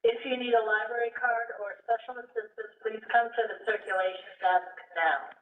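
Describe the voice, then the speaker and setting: A man's voice: sits high, steady tone, normal speed. A man making a formal closing-time announcement over a PA system in a public library. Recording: tinny loudspeaker, echoey, from far off.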